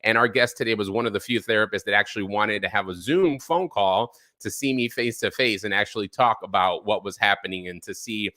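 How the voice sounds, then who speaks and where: A man's voice: on the low side, brisk, few pauses, no room sound. A man hosting a live-streamed interview show about therapy, talking loosely with lots of ums and uhs. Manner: relaxed, filler-heavy talk with frequent ums. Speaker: podcast host.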